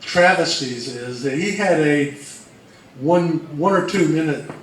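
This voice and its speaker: A man co-presents as an old radio researcher, talking casually to an audience in a roomy indoor presentation space. His fairly high voice is slow, with a little hiss or hum, and the distant mic picks up a very echoey room.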